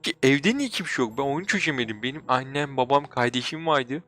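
A young man hosting a game video, talking in a loud, playful, exaggerated way while commenting on his role-play. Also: medium pitch, animated, a little fast, faint music behind. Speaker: gaming channel host.

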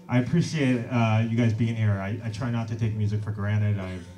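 A relaxed, talkative man with a lowish voice banters from a club stage, joking at his own expense and laughing frequently. He's a singer-songwriter and label owner filling the gaps between songs in a small, crowded indoor venue. The audio comes from the audience side of a stand-mounted vocal mic, a distant live room capture with acoustic guitar and audience in the background.

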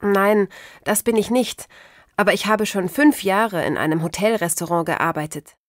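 A woman acts out a polite female job applicant for a language course. Her mid-pitched voice is interested and clearly articulated, recorded dry. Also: moderate pace, no echo, natural voice. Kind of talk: acted language-course dialogue.

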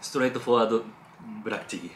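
A man's voice: medium pitch, slow pace, fairly bright tone, slight background noise. A man speaking English with a Japanese accent, co-hosting a food review in short, simple phrases with many hums of agreement. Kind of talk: casual snack-tasting chat. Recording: echoey room.

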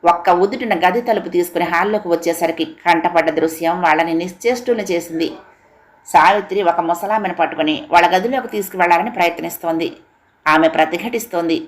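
A woman narrating a family audiobook story in a steady, expressive reading voice. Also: on the low side.

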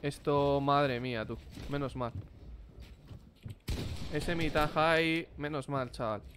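A young man with a Spain Spanish accent, a streamer giving excitable, slangy reaction commentary and swearing freely. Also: a little high, slow pace, slight background noise.

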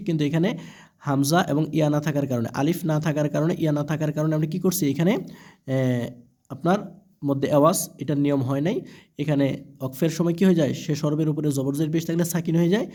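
A man's voice: on the high side, fairly even intonation, dark tone. A man teaching Quran reading, spelling each word letter by letter and asking rhetorical questions as he explains the rules. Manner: patient, letter-by-letter spelling with drawn-out recitation; asks rhetorical questions, checks with "okay?".

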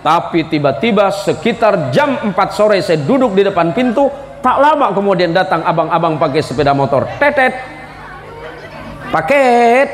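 Joking middle-aged preacher in a reverberant hall. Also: male voice, high-pitched, very animated, fairly quick. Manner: joking, teasing, asks the crowd questions. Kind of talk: humorous sermon to a live audience. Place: large hall at a religious school celebration. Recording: long hall reverb with crowd and noise.

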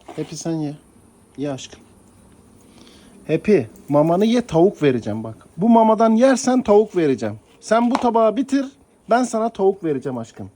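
A man's voice: high-pitched, very animated, moderate pace, mellow, slight background noise. A man talking casually to his cat and dog, coaxing and pleading with them in a pet-talk way. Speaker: pet owner.

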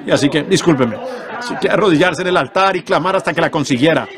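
A man's voice: a little high, fast talker, a crowd in the background. A man interpreting a sermon in an earnest preaching voice, often turning to the congregation with rhetorical questions. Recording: congregation noise from an old sermon tape behind the voice. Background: congregation in a church.

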